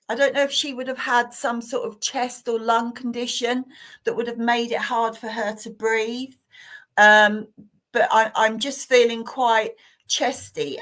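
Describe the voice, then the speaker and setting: A woman with a fairly high voice gives live psychic readings to online viewers. She speaks gently and hesitantly, with lots of fillers and restarts.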